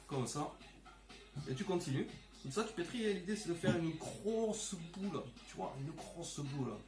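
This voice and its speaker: A man with a southern French accent hosts a relaxed cooking tutorial from his home kitchen, presenting a recipe in a slightly high, animated voice at a moderate pace. He speaks straight to the viewer, cracks crude jokes, and ends his sentences with "hein," while the echoey kitchen carries music in the background.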